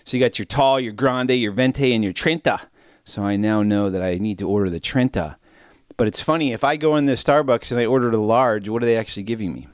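A man's voice: mid-range voice, fast, dry recording, clean studio sound. A middle-aged man hosting a sports betting podcast, a bit out of breath and rambling off on tangents in casual solo chat. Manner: rambling, self-deprecating, goes off on tangents.

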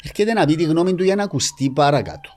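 A man's voice: fairly high pitch, lively intonation, darkish tone. Casual podcast guest: male, Cypriot Greek accent, mild-mannered delivery with very varied intonation. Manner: mild-toned.

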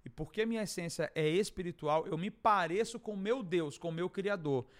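High-voiced Brazilian man telling a dramatic story. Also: brisk. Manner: dramatic, acts out dialogue, swings from hushed to shouting. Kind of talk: animated testimony storytelling.

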